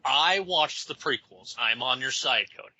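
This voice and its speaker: A young man co-hosts a casual podcast, dropping playful deadpan one-liners. His voice is very bright and husky, with lively pitch. The recording is dry and dull. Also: normal speed, no room sound. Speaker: podcast co-host.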